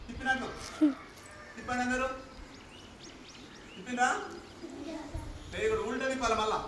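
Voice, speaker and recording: A man, leading a live exercise class and repeating short commands to a group. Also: very high-pitched. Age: 50s. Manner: repetitive demonstrating commands to a group. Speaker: exercise instructor. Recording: echoey, far from the mic, noisy.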